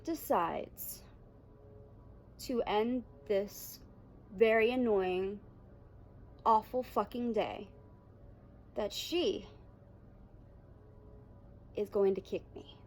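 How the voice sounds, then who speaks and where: A young adult woman telling a story-time vlog, blunt and animated with heavy swearing. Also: mid-range voice, very slow, pauses often. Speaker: vlogger.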